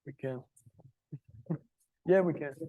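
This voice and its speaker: A man's voice: on the high side, takes it slowly, narrow, tinny audio. A man moderating a panel talk, polite and hesitant with fillers. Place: gallery event room.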